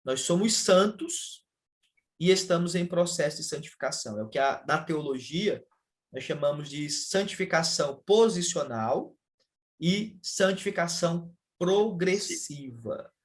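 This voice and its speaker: A man with a slightly high voice talks through church doctrine in a measured, teaching manner. He often pauses on "ah" as he builds each point. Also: animated. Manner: measured, explanatory, with frequent "ah" fillers. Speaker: pastor. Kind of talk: casual theological conversation.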